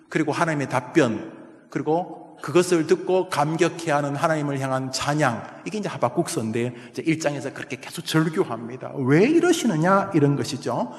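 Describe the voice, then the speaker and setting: A male pastor preaching a sermon. He moves between quiet storytelling and loud, impassioned outcries. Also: a little high. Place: church sanctuary. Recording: echoey hall reverb of a church.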